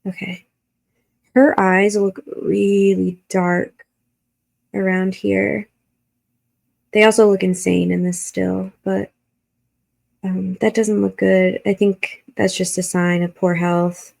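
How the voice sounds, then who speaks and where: A woman's voice: mid-range voice, little pitch movement, slow, gravelly, pauses often, a little mellow. A woman hosting a reaction video, giving blunt, critical commentary and swearing freely.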